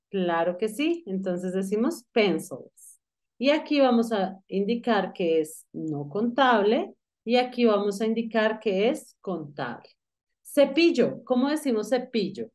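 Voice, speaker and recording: A woman's voice: fairly high pitch, animated, a little slow, darkish tone. A woman teaching an English grammar lesson, explaining patiently and asking the student questions as she goes. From Colombia.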